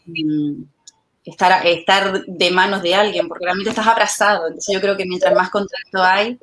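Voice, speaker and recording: A woman's voice: on the low side, steady tone, moderate pace, fairly bright tone. Chatty Canarian woman, laughing often. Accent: Canarian Spanish. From Canary Islands. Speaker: tango dancer and teacher, guest. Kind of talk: casual interview chat.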